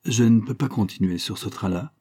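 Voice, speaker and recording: A man's voice: on the low side, a little fast, mellow, husky, no echo, studio quality. A man voicing a plump, scheming German businessman who talks brusquely and impatiently in an audiobook. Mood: curt.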